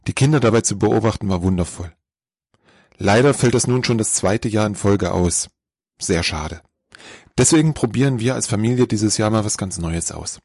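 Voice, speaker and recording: A man's voice: lowish voice, normal speed, darkish tone, breathy edge, no room sound, studio quality. A man hosting a podcast, giving a scripted, lightly playful introduction. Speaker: podcast host.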